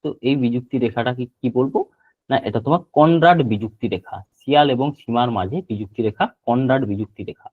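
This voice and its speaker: Male teacher over a tinny line. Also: medium pitch. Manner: repeats terms slowly for note-taking. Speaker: geography teacher. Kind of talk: online class lecture.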